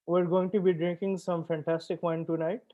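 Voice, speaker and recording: A man's voice: high-pitched, little pitch movement, moderate pace, mellow, highs cut off, lightly acted. A man putting on an Indian-accented host greeting. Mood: playful mock-formal.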